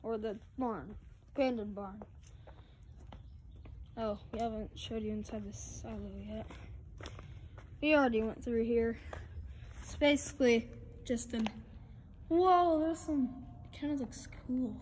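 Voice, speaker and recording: A woman's voice: on the high side, measured pace, pauses often, slight background noise. Chatty woman filming outdoors on a phone. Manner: chatty, dips into hushed asides. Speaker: vlogger exploring an abandoned farm. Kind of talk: casual handheld exploration vlog. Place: outdoors in an overgrown rural yard and derelict buildings. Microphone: phone camera held by the speaker.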